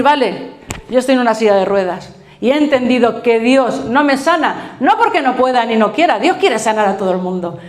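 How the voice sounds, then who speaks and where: A middle-aged woman pastor with a Spain Spanish accent preaches in a fairly high voice. She tells the story with energy, slips into quoted voices and laughs along the way. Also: roomy sound, slight background noise. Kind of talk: sermon.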